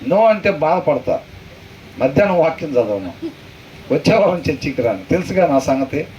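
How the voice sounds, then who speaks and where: A pastor teaches scripture to a gathered class, stopping often to quiz his listeners and repeating verses slowly. His voice sits high. He is picked up from a distance with faint noise behind. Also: sing-song, darkish tone, dull audio. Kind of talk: conversational sermon with questions to the room. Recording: far from the mic, faint noise.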